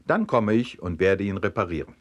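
A smug plumber talks in a calm, low, reassuring voice, as a man reading a comic tale puts him on. The storybook figure sounds unhurried and sure of himself. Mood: soothing. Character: soothing, smug male plumber.

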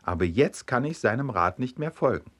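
A man's voice: medium pitch, big pitch swings, moderate pace, fairly bright tone, slightly rough. A man voicing a glum, put-upon man complaining plainly.

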